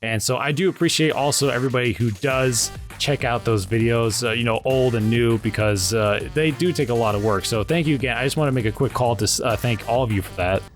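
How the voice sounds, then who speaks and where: This animation channel host speaks in a mid-range voice, a little fast and hardly pausing, over soft background music. His commentary on how he makes his videos is casual, informal and wandering.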